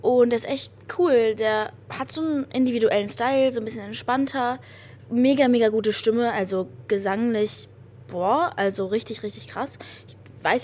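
Giddy, gushing young German woman, higher-pitched. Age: young adult. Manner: giddy, gushing, girlish excitement. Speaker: podcast host. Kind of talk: casual chatty pop-music podcast with youth slang and English phrases. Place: hotel lobby. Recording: clearly noisy room ambience.

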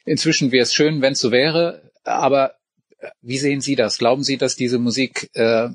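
Male interviewer, husky voice, measured questions, dry recording. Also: medium pitch, steady tone, no echo. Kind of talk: interview conversation.

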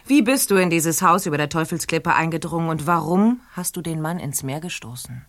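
A stern female detective presses a suspect with pointed, skeptical questions, her voice unusually low. She sounds cool and in control. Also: expressive, brisk, a bit bright. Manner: interrogating, skeptical.

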